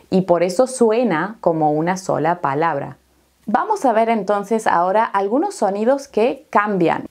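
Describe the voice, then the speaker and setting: In an online Spanish class, an Argentine woman lays out her points with clear, deliberate explanations, tossing in rhetorical questions. She has a mid-range, somewhat mellow voice.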